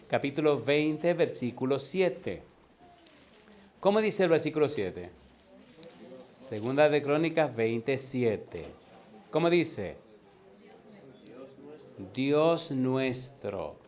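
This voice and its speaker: A man in his fifties preaching a sermon as a pastor, in a lively way that keeps putting questions to the congregation. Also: on the high side.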